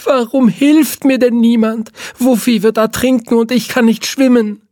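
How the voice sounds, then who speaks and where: A man voicing a frantic old woman calling for help in a read-aloud children's story, with a shrill, panicked voice. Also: steady tone, unhurried, warm tone, no echo, studio quality. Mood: distraught.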